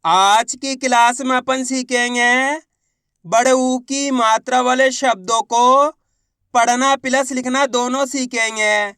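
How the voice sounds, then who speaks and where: A man's voice: very high voice, steady tone, slow pace, pushed and bright, smooth, no echo, clean studio sound. A man teaching a reading lesson step by step, patiently asking and answering his own questions and drilling each sound.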